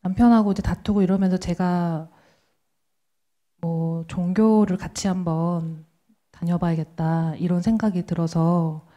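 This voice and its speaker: Woman asking a question from the audience: low, very mellow voice, halting delivery with small laughs. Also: steady tone, dull audio. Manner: hesitant, breaks into small laughs. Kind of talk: hesitant conversational question.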